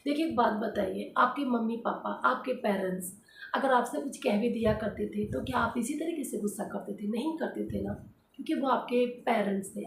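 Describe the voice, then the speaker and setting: A woman's voice: on the high side, a little hiss or hum. A woman, a housewife, gives earnest, casual advice straight to her viewers, repeating her points and leaning on small fillers. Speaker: housewife vlogger giving advice. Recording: roomy echo.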